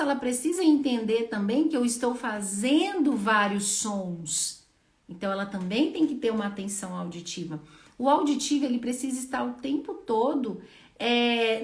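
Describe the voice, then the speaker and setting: A young Brazilian woman, a speech therapist, teaching fellow therapists in an animated way and demonstrating sounds loudly. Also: mid-range voice. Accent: Brazilian Portuguese. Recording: echoey room.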